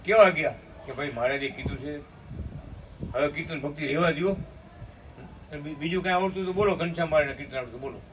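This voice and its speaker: A man preaches at a satsang from some distance, his voice on the high side. He tells a devotional story, breaks into slow chanted hymn lines, and asks his listeners "hum?". The distant mic picks up faint room noise.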